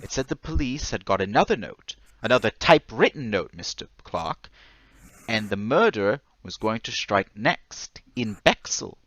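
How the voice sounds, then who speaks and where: In an old-time radio drama, an actor plays a timid, troubled stocking salesman who is hesitant, stammering and deferentially polite, sounding anxious and confessional. His lowish, slightly bright voice is very animated at a moderate pace. There's no echo, but the audio is poor.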